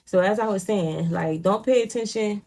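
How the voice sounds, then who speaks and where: At a normal speed and medium pitch, her darkish voice delivers a casual tarot reading. The young woman is a native Creole speaker from a Haitian home with a Haitian Creole accent. She speaks bluntly, swears freely, and leans on "you know what I'm saying."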